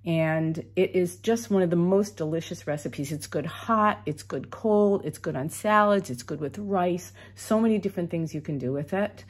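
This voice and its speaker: A woman with a low, husky voice talks through her kitchen prep in a chatty, upbeat way. She explains each step as she goes, like a home cooking host. Her tone stays easygoing and friendly throughout. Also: moderate pace, hardly any pauses. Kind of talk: casual cooking voice-over.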